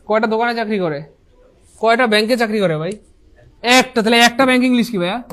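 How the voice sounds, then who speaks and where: High-voiced man teaching an English lesson. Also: fast, a bit bright. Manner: asks the class questions and answers them himself in call-and-response; often says "inshallah" and "dear brothers and sisters". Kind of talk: online English grammar lesson.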